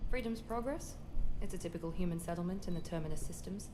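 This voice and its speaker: Woman acting a quick, haughty operative. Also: fairly low pitch, noisy background, natural voice. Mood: matter-of-fact. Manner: clipped, self-assured. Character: cool, haughty, loyal female operative. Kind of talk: video game voice acting.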